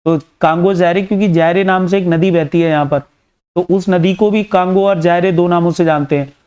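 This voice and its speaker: A man with an Indian Hindi accent teaches an exam-prep map lesson in a fairly high, crisp voice. He keeps asking the class short recall questions and tags his points with "है ना". His tone is clear and smooth throughout. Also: fairly even intonation, moderate pace, darkish tone. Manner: repeats key facts as quiz questions; frequent "है ना" tag checks. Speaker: geography teacher.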